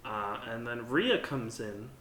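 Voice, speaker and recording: A man's voice: mid-range voice, sing-song, slow pace, fairly bright tone. Hesitant man recapping wrestling. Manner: hesitant, many fillers, recapping. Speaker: podcast co-host. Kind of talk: casual wrestling review chat. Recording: echoey room with faint noise.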